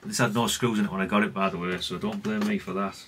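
A middle-aged British man talks fast in a lowish, steady voice over a noisy background while casually demonstrating a radio repair as a hobbyist. The unscripted session is rambling, self-deprecating, and sprinkled with mild swearing.

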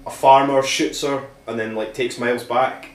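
A man's voice: medium pitch, fairly even intonation, moderate pace. A man hosting a film review podcast, rambling and swearing in a jokey, casual way. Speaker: podcast host reviewing films. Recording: echoey room with faint hiss.

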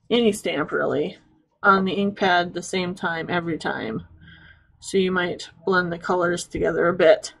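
A woman's voice: mid-range voice, low-quality recording. A woman hosting a casual craft tutorial, chatty and explaining as she works, sounding slightly congested and sniffly. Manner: chatty, explains while working. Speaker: craft video host.

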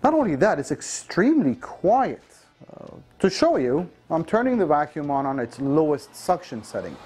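A man's voice: a little high, big pitch swings, normal speed, darkish tone, husky. A man in his thirties presenting a vacuum cleaner in a studio, explaining its features in an upbeat sales manner with occasional fillers. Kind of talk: product demonstration. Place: dark studio showroom, indoors.

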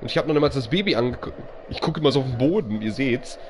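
A man doing live commentary on a horror game, excitable and jumpy, talking to his chat. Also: mid-range voice, fast, a little hiss or hum. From Germany. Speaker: live streamer.

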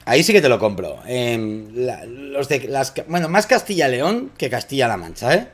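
A man's voice: mid-range voice, big pitch swings, normal speed, breathy edge. A man with a Spain Spanish accent, chatting casually on a live stream, rambling, joking and repeating himself.

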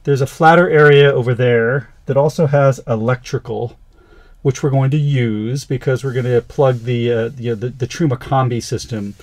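A man's voice: medium pitch, fairly even intonation, moderate pace, darkish tone. A man vlogging casually, chatting and thinking aloud while fixing things on his van. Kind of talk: casual vlog narration.

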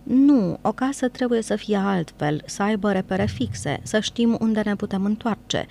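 A woman voicing a gentle, earnest young woman speaking softly. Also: medium pitch, vocal fry, slight background noise, voice pushed up, lightly acted.

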